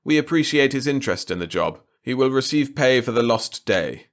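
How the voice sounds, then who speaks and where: A man voicing a soft-spoken, ruthless executive with a smooth, pontifical manner. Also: mid-range voice, expressive, moderate pace, pitched above the performer's own voice, natural voice.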